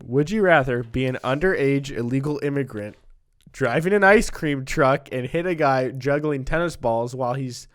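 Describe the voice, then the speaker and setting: A man's voice: medium pitch, normal speed, smooth. A young man hosting a podcast in casual banter, rambling in slang and leaning on "like" and "dude". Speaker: podcast host.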